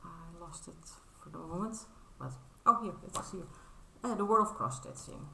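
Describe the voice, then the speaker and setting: A Dutch woman in her thirties, native in Dutch, talks casually in English while showing her crafts on a vlog. Her fairly low voice is creaky, bright and forceful at normal speed, in a roomy space with slight background noise. She's hesitant, modest and apologetic, full of fillers and restarts.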